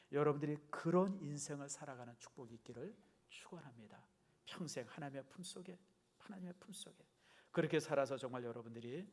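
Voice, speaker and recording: A male pastor from Seoul giving a conversational sermon in a church, speaking directly to his congregation with easy good humor. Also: medium pitch. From Seoul, South Korea. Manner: chatty and warm-humored, addresses the congregation directly. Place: church sanctuary.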